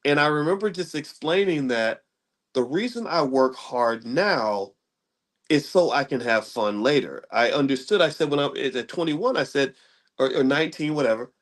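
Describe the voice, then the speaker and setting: A man's voice: mid-range voice, expressive, moderate pace. A middle-aged man, casually explaining money ideas in a rambling style and often checking in with "right?". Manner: conversational, rambling with restarts, asks listeners "right?". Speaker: commentator on economics. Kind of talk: casual lecture-style talk.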